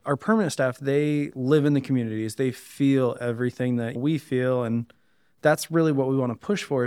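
Smooth-voiced man, relaxed recruiter. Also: mid-range voice, no room sound, clean studio sound. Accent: Midwestern American. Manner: relaxed, rambling, uses lots of "like". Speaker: recruiter, podcast guest. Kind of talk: casual interview chat.

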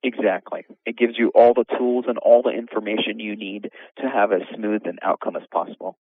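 A man's voice: fairly low pitch, fairly even intonation, brisk, husky, no echo, narrow, tinny audio. A man, an orthopedic surgeon, explaining things in a podcast interview with many fillers and restarts.

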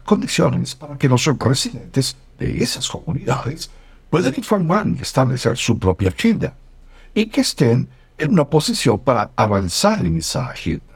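A man voicing an interview guest in translation, explaining in an earnest, lively way. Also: mid-range voice, husky, no room sound. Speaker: interview guest, Spanish voice-over.

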